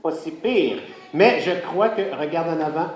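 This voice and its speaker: A man's voice: on the high side, lively intonation, a little slow. A man with a Quebec French accent doing playful, teasing magic show patter as a children's party magician, coaxing the kids along with short questions. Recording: echoey room, audible background noise.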